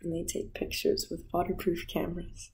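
A melancholy young woman, played by an actress, delivers a pensive stage monologue. Her voice sits low and mellow, with a creaky edge. She is wistful and self-aware, hushed and leaving long pauses. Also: completely flat delivery, lightly acted, low-quality recording. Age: 20s. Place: living room, indoors.

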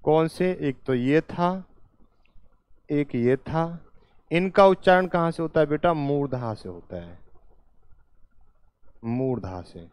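A man teaching a class at a board, speaking slowly, repeating each point and answering his own questions. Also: on the high side, animated, darkish tone, no room sound. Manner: slow and repetitive, quizzing students with questions and answering them himself; calls the viewer "beta" and "my dear".

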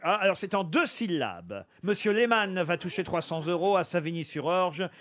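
A man's voice: high-pitched, animated, normal speed, over music. A man hosting a radio quiz show, teasing the panelists and reading out questions. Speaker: game show host. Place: radio studio with live audience.

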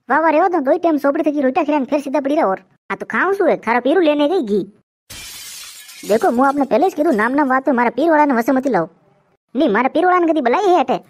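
Rajasthani woman for a comic cartoon, high, fast bantering delivery. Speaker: cartoon comedy voice actor. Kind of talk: comic dialect cartoon voicing.

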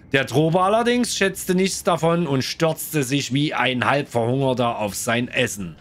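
A man streaming a game, chatting with viewers and reading in-game lore aloud. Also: fairly high pitch. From Germany. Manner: chatty, lively, addresses viewers. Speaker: let's play streamer.

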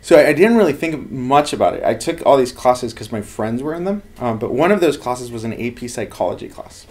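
A man's voice: mid-range voice, animated, brisk, darkish tone. A man in his thirties from Los Angeles, a lab head talking earnestly and animatedly about his work in an office interview. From Los Angeles, United States. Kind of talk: casual interview talk. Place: office with bookshelves, indoors.

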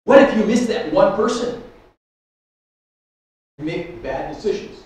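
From a lectern in a church hall with a stage and keyboard, an older man preaches, telling a personal story with many restarts and animated hand gestures. His high voice moves at a measured pace and sounds far off, because he's off the stand mic, with a far camera capturing the echoey hall.

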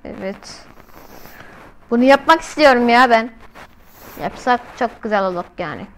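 A woman's voice: on the high side, expressive, normal speed, a bit bright, a little hiss or hum, low-quality recording. A woman doing casual, slangy reaction commentary as a video host, often exclaiming.

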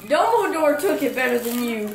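A woman's voice: sits high, big pitch swings, moderate pace, a little hiss or hum. A woman chatting casually with family in a living room, picked up by a phone from across the room. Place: small living room, indoors. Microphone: handheld phone across the room. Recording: echoey room, music and TV behind.

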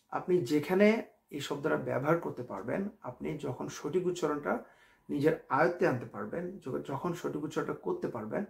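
A man with a Bangladeshi accent teaching English pronunciation, stretching example words out slowly and dropping in casual jokes. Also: a little high, gravelly, darkish tone. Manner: slow, drawn-out example words; casual, joking asides. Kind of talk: pronunciation lesson.

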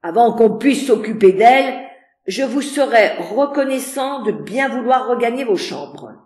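A commanding middle-aged gentleman, brusque and forceful in his clipped orders, as a woman reads him aloud. He is unhurried and the sound is roomy and echoey. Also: fairly high pitch, expressive, pitched above the performer's own voice. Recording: roomy echo.

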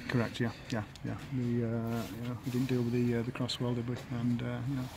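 A man in his fifties, an English football manager, giving a halting post-match interview outdoors by the pitch, full of fillers and restarts. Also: completely flat delivery. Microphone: handheld camera at close range. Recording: outdoor noise behind.

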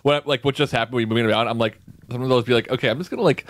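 A man's voice: mid-range voice, steady tone, rapid-fire. A man in the band chatting on a livestream, rambling through stories and asking questions. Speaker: band member. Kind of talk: casual chat on a livestream.

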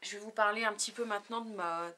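A woman in her thirties reviewing makeup products in a casual vlog, hesitant and full of fillers, sometimes dropping to a soft whisper. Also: mid-range voice, steady tone, fast talker. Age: 30s. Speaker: beauty vlogger.

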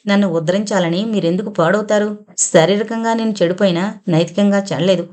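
A woman's voice: medium pitch, steady tone, brisk, a little mellow, lightly acted. A woman voicing a shamed, sorrowful young village woman who pleads earnestly in an audio novel. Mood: earnest pleading.

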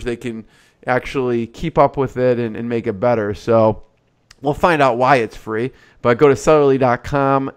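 A man's voice: medium pitch, clean tone. A man in his forties hosting a podcast, introducing and interviewing in a conversational way. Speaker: podcast host. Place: indoor studio or office, on video call. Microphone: large desktop microphone, close.

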